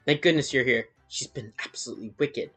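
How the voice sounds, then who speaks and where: A posh little British schoolboy, as a man puts him on for a video game. He is prim, smug and scheming, with clipped, genteel words and a put-on British accent at a middle pitch. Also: fairly quick, fairly bright tone, husky, faint music behind.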